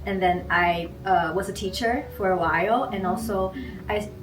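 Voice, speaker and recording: A woman's voice: mid-range voice, normal speed. A woman in her twenties with a Taiwanese accent, explaining her background easily with some fillers. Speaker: interviewee, graduate student. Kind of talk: casual interview. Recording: echoey room, distant mic, noisy.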